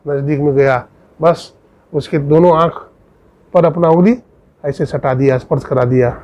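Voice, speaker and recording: A man's voice: fairly even intonation, moderate pace. A male preacher telling a devotional story in sermon style, acting out the characters' dialogue. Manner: acts out dialogue, rises in pitch for quoted voices. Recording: dull lo-fi recording.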